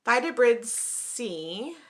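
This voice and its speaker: A young woman vlogger chatting casually as she unboxes beauty products, upbeat and quick to call everything exciting. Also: a little high.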